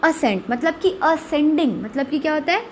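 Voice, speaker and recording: A woman, a rather high voice, and an easy teaching rhythm. She explains English words to students, asks them rhetorical questions, and reads her examples slowly. Faint noise sits under the recording. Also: lively intonation. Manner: slow, spelled-out English examples with Hindi explanation. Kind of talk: classroom lesson explaining words.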